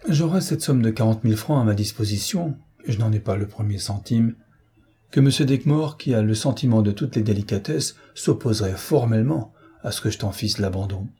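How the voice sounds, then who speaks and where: A man reading a storybook, voicing a vain, languid young rich woman in an affected, weary, condescending manner with a husky voice. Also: fairly low pitch, a little fast, warm tone.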